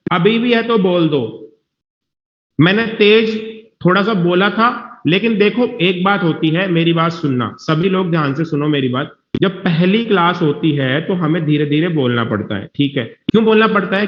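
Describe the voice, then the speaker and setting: At a moderate pace and in a high voice, a male biology teacher lectures his class. He's reassuring, goes over things repeatedly, and keeps checking that students are with him; the recording is a dull, echoey one from the classroom.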